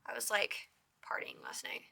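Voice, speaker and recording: Chatty and full of "like," a young woman leads a casual crochet tutorial in a raspy, hoarse voice at a moderate pace. When she counts her stitches, she drops to a soft whisper.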